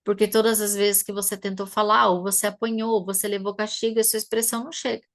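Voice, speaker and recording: A woman's voice: mid-range voice, level tone, quick pace. A woman psychoanalyst from Brazil giving a live online talk to a webcam, telling a personal story and speaking directly to her viewers. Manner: storytelling, addresses audience directly.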